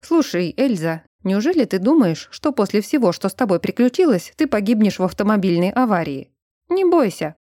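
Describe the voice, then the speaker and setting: Woman reading a steady, gently teasing young man, mellow and patient. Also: medium pitch, brisk, dry recording, clean studio sound. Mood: calm. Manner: calm, patient instructor.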